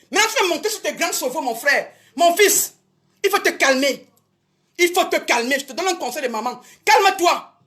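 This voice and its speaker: A woman with a very high voice defends herself in an indignant live video. She keeps repeating her points and speaks straight to her critics. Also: fairly bright tone. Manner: indignant, repetitive, addresses critics directly. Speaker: show business promoter. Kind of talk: Facebook live rant.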